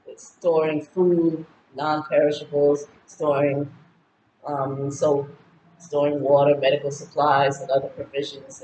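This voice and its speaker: She's a chatty vlogger in her sixties, speaking in a deep, darkish voice from her home in Ghana. Her casual birthday monologue to camera rambles through a list of goals full of fillers. Slight background noise, roomy echo and faint ambience color the recording.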